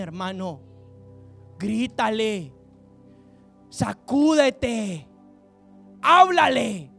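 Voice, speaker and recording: A man preaching a fiery sermon, exhorting his listeners with rhetorical questions and bursts of shouting. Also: extremely high pitch, gravelly. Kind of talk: impassioned sermon.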